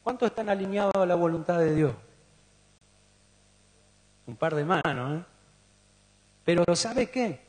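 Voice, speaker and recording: A man's voice: high voice, expressive, measured pace, long pauses. A man with a Rioplatense Spanish accent preaching a sermon, putting questions to the congregation. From Argentina. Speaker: pastor. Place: church hall. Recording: long church reverb.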